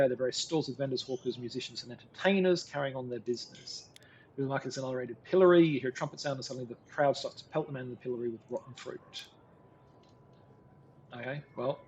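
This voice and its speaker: A man's voice: medium pitch, a little mellow, lo-fi sound, a little hiss or hum. A man hosting a gameplay video, reading the text of a digital gamebook aloud and breaking off for dry, sarcastic asides.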